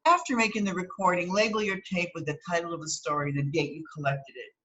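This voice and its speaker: A woman reads an article aloud fast, her voice on the low side and a bit bright, with the highs cut off. In an instructive teacher's manner, she adds plain explanatory asides and checks that listeners follow with "okay" and "right."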